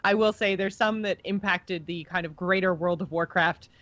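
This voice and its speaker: Fairly low in pitch and steady in tone, a woman speaks at normal speed as a podcast co-host, casually discussing a video game she's a fan of. Her voice is a bit bright, with no echo, though the recording is slightly dull.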